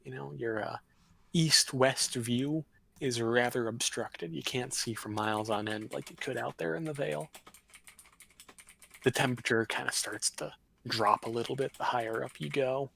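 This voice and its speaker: A man's voice: mid-range voice, normal speed, creaky, sharp tone, slight background noise, rough recording. A man narrating a tabletop game as game master on a livestream, in a loose, rambling style. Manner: casual, rambling narration with fillers.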